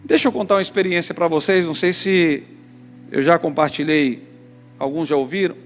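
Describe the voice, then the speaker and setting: A Brazilian pastor with a fairly high voice tells an animated story from the pulpit, speaking straight to the congregation. His voice rings with a long echo in the church hall. Soft music sits faintly behind it. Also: a little fast. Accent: Brazilian Portuguese. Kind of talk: sermon with storytelling.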